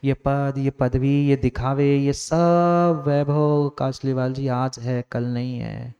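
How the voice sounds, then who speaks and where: A man delivers a sermon as a monk, pressing his point through repeated phrases. He swings between raised, high-pitched urging and hushed, low passages. His voice is smooth and clear, at an ordinary middle pitch. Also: fairly even intonation, takes it slowly, muffled recording. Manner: emphatic, repetitive exhortation, swings from raised to hushed. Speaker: Jain monk preacher.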